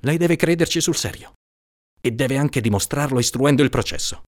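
A man reading aloud, voicing a grim, stubborn man with a jinx reputation who speaks insistently with bitter, drawn-out emphasis. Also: mid-range voice, pitched above the performer's own voice, lightly acted.

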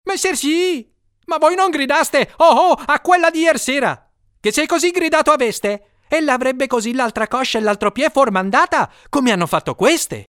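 A man voicing a frightened, quick-witted young cook who pleads nervously with his lord in a high, strained voice. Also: big pitch swings, no echo, studio quality.

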